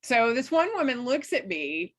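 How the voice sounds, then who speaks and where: Lively storytelling woman from West Texas. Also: on the high side, moderate pace. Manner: lively, animated storyteller who laughs while telling. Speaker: author guest. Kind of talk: anecdotal storytelling in an interview.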